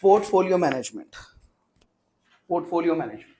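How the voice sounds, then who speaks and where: A man's voice: a little high, animated, fairly quick, warm tone. A man teaching a classroom lecture, repeating his points and mixing English terms into his talk.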